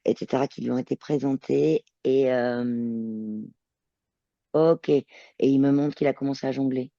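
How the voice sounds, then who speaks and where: A woman working as a telepath, describing her visions in a channeling session, halting and searching for words. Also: a bass voice, fairly even intonation, mellow, no room sound, dull audio. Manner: hesitant, searching for words, many fillers.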